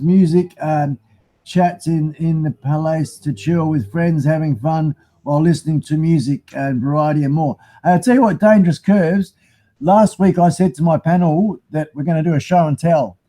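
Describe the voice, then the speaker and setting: A man's voice: fairly high pitch, moderate pace, dark tone. A man with a broad New Zealand accent hosting a casual live stream, rambling and matey as he chats to viewers. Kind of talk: casual live chat, reading out viewer comments.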